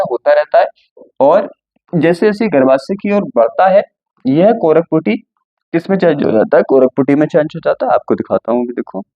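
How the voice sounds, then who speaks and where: A man's voice: on the high side, no room sound, dull audio. A male teacher going through a textbook line by line, often asking a question and answering it himself.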